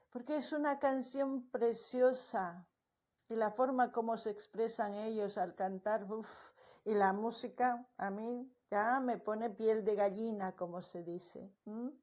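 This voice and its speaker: A woman hosting a music reaction video, talking slowly and tenderly and switching between Spanish and Quechua. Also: medium pitch, a little mellow.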